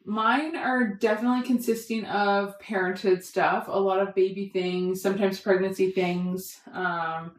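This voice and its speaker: A woman's voice: mid-range voice, fairly even intonation, a little slow, few pauses, a little hiss or hum. A young adult woman co-hosting a podcast, talking in a chatty, giggly way and saying "like" a lot. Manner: giggly, chatty, says "like" often. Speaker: podcast co-host. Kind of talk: casual chat. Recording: roomy, a bit off-mic.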